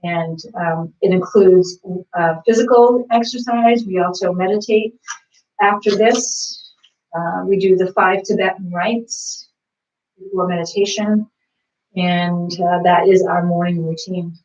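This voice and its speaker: A woman's voice: on the low side, steady tone, measured pace, darkish tone, distant mic. A woman co-hosting a morning workout, chatting casually and rambling with lots of fillers. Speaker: workout co-host. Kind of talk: casual chat during a workout. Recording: roomy, off-mic and dull.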